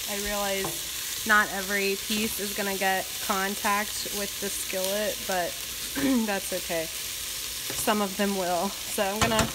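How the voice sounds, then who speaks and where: Chatty young woman cooking in a noisy kitchen. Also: mid-range voice. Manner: chatty, many fillers, thinks aloud while cooking. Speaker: cooking vlogger. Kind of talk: casual cook-along narration. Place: home kitchen, indoors. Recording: loud kitchen noise behind.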